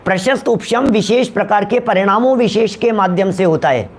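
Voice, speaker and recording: A man's voice: sits high, animated, normal speed, a little hiss or hum. A man lecturing a class on scripture, repeating his points and calling on listeners by name, often asking whether they follow. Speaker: teacher of scripture.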